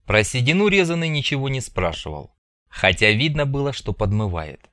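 A man narrating an audiobook in a lively, expressive read. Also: mid-range voice, moderate pace, dry recording. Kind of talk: scripted narration.

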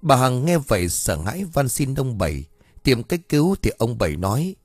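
A man narrating a story in a steady, even way. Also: mid-range voice, normal speed, breathy edge, no echo, clean studio sound, soft background music. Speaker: audiobook narrator.

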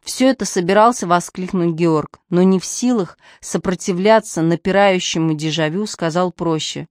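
A woman narrating a humorous audiobook with lively, wry storytelling. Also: fairly low pitch, normal speed, dry recording, studio quality.

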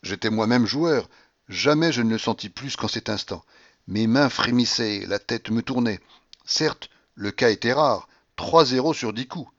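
A man narrating a classic novel aloud in an expressive, dramatic manner. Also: mid-range voice, a little slow, no room sound, muffled recording. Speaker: audiobook reader. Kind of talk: literary narration read aloud.

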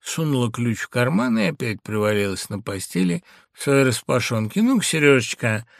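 A man reading a classic story aloud with dramatic, expressive narration. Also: mid-range voice, moderate pace, creaky, no echo, studio quality.

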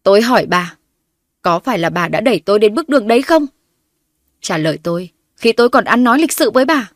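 A woman's voice: mid-range voice, fairly quick, no room sound, clean studio sound, natural voice. A woman narrator voicing a wronged young wife who confronts her in-laws sharply and defiantly. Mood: accusing.

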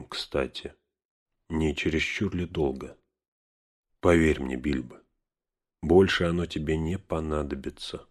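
A man puts on an old male wizard for an audiobook, with a low, deep voice. He speaks in a measured, steady way, probing patiently. When crossed he grows stern and warning without losing control. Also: full character voice.

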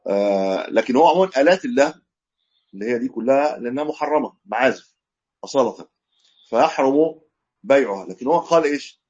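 A man with an Egyptian accent teaches a live class at a brisk clip. His voice is husky and he explains in an easy, conversational way, pausing to correct himself. The recording sounds dull and lo-fi. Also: mid-range voice, animated, a little mellow. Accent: Egyptian Arabic. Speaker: religious teacher. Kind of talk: live class lecture with questions.

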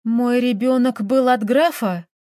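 A young noblewoman in an audiobook, put on by a woman reader, higher than the narration and pressing. She sounds plaintive and bitter, defiant underneath. The read is dry and close. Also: unhurried, dark tone, no room sound, lightly acted. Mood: bewildered. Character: young countess, emotional, defiant, tearful.

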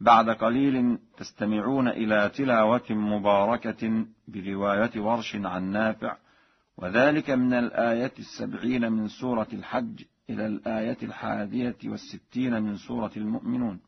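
A man from Egypt teaching Quran recitation readings on the radio, in a formal, measured way. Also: lowish voice, fairly even intonation, creaky, breathy edge. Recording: dull lo-fi radio broadcast.

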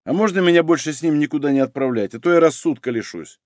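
A man's voice: on the high side, animated, fast talker, darkish tone, dry recording, studio quality, lightly acted. A man putting on a whiny griping forensic expert. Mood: whiny grumbling. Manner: whining, grumbling. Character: whiny cold-suffering male forensic expert.

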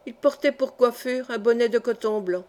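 A woman's voice: fairly high pitch, moderate pace, mellow. Woman reading a novel aloud. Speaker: audiobook reader. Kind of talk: scripted narration of a historical novel.

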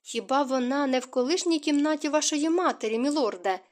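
A woman's voice: sits high, brisk, pitched above the performer's own voice, lightly acted. A woman voicing a scared young maid. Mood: timid. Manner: timid, stammering. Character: frightened young housemaid.

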